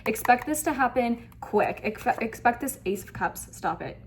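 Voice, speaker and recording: A woman with a voice on the high side, expressive and at a moderate pace, hosts an online tarot reading. Speaking effusively and emphatically with frequent repetition, she offers viewers a spiritual reading over slight background noise.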